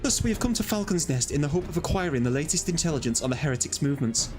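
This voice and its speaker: A man's voice: on the high side, expressive, very fast, soft background music, lightly acted. Posh earnest young scholar, a man reading him aloud. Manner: posh, formal. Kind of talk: reading game dialogue aloud.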